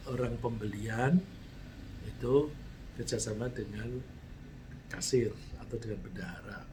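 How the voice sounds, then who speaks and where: A man's voice: mid-range voice, darkish tone, low-quality recording. A man preaching a sermon. He explains his points with everyday examples, lets his voice rise for emphasis and then fall away, and recites Arabic verses before translating them. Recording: faint background noise.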